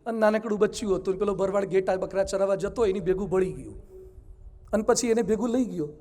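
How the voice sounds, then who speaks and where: Emphatic high-voiced monk preaching. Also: male voice, fast. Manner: emphatic, animated storytelling. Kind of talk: sermon.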